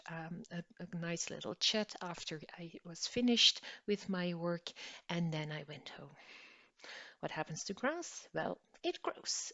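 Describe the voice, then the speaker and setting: A woman from northern Belgium giving an educational talk, explaining a concept and then telling a personal story while acting out the dialogue. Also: no room sound. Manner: storytelling, acts out dialogue with lively pitch jumps. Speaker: lecturer. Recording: dull lo-fi dry recording.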